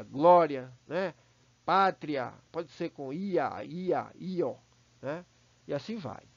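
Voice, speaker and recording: A man with a Brazilian Portuguese accent walks students through a grammar lesson in a fairly high voice, checking in with them often. He repeats words as he gathers his thoughts. The recording is dry and a little dull, like a basic home setup. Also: dry recording. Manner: explanatory, checks in with "né?" and "tá?", repeats words while thinking. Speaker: teacher. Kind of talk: recorded online class.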